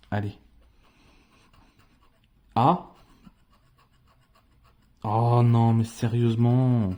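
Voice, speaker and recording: A man's voice: medium pitch, mellow. A man hosting a scratch-card video, chatting casually to his viewers as friends and spelling out letters one by one as he scratches. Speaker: scratch-card channel host. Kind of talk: casual vlog commentary while scratching tickets.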